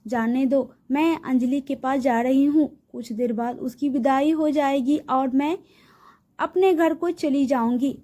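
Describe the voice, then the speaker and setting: A woman voicing a gentle, innocent young woman in love, speaking softly and politely. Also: high-pitched, steady tone, a little slow. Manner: soft, polite.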